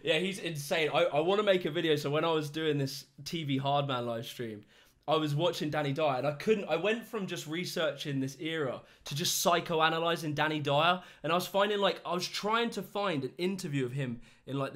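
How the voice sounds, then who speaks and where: A man's voice: a little high, fairly quick. A young British man hosting a casual chat, telling stories with lots of laughter. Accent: British English. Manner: animated storyteller, laughs often, does mock voices. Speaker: host.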